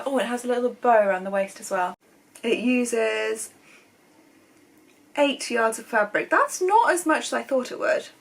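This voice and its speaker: A woman's voice: mid-range voice, creaky, rough recording. A young woman chatting casually in a sewing vlog, gushing and chatty with lots of ums and likes. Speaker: sewing vlogger. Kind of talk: casual chat.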